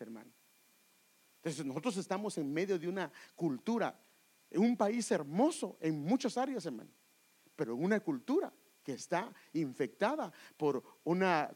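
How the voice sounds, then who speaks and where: A man's voice: on the high side, darkish tone, slightly rough. A man preaching a sermon, acting out voices and calling listeners brother. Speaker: pastor.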